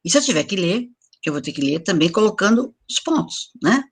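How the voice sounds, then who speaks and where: A woman's voice: medium pitch, big pitch swings, fairly quick, breathy edge. An older woman giving an online lecture to teachers, explaining examples and asking for the next slide. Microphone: video call.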